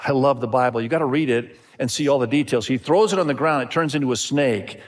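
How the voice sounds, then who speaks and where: Speaking quickly in a mid-range voice, this middle-aged man raised in Indonesia preaches to his church as its pastor. His tone is earnest, and he often repeats phrases and addresses the congregation directly.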